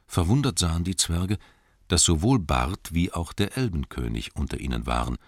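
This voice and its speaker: A man narrating an audiobook in an expressive storytelling manner. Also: low-pitched, normal speed, no echo, clean studio sound.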